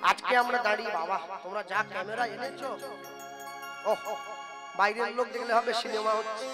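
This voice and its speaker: A man's voice: high-pitched, fairly even intonation, a little fast. A man from West Bengal with a Medinipur Bengali accent, preaching at a kirtan program and acting out little dialogues with rhetorical questions. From West Bengal, India. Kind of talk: devotional kirtan sermon. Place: night stage program before a live audience. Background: instrument music.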